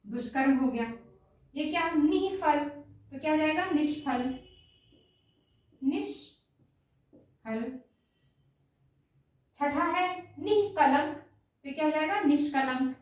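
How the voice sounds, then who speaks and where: A high-voiced woman leads an exam-prep grammar lesson, asking a question and answering it herself before repeating the answer. She sounds far from the mic in a very echoey room. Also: measured pace. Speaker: teacher.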